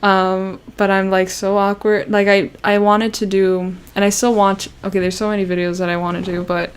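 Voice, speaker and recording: Speaking in a medium-pitched, clear, resonant voice with little pitch movement, a young Canadian woman chats casually on her YouTube livestream at a moderate pace. She sounds self-conscious, rambling through fillers and restarts.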